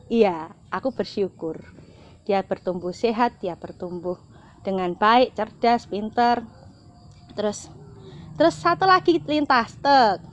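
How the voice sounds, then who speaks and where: Interview guest, middle-aged woman, high voice, heartfelt storytelling, dull lo-fi recording with faint noise. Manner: heartfelt, repeats herself, swings between bright and hushed. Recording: slightly dull lo-fi sound.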